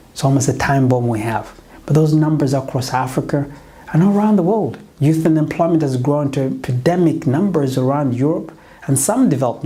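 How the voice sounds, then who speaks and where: A middle-aged Ugandan man with a dark tone makes an earnest motivational pitch in his role as a business coach. Not a native English speaker, he keeps restarting and correcting himself.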